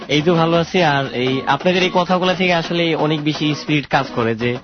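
A man's voice: fairly high pitch, brisk, over music. A man being interviewed on the radio as a sports player, speaking earnestly and searching for his words. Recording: muffled radio broadcast.

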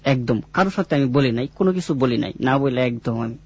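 A young man in his twenties tells a personal story in a rural Mymensingh Bangladeshi accent. His voice is husky and creaky, and his wording is plain, informal and repetitive. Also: mid-range voice, expressive, brisk, dull audio. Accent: rural Mymensingh-region Bangladeshi. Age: 20s. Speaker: guest telling his life story.

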